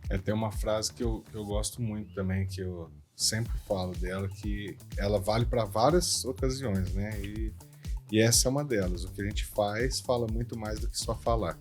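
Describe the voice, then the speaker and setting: A man's voice: on the low side, moderate pace, darkish tone, faint music behind. A Brazilian man talking casually as the host of an interview podcast.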